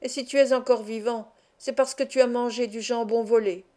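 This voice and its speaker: A woman's voice: fairly high pitch, fairly even intonation, normal speed, mellow, close to an everyday voice. A woman reading the part of a bitter, scornful young male thief in an audiobook. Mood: furieux. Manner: angry reproachful.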